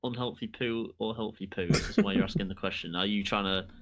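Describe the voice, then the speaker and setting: A man's voice: lowish voice, steady tone, quick pace. A young man on a podcast, telling a long anecdote in casual chat, swearing often and acting out what people said. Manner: sweary, rambling anecdotes with acted-out quotes. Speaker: podcast co-host.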